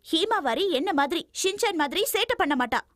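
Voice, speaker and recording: A woman voicing a quick-tempered young mother in a dubbed cartoon, scolding her husband and children. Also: extremely high pitch, lively intonation, very noisy. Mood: stern. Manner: scolding, exasperated. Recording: music behind the voice.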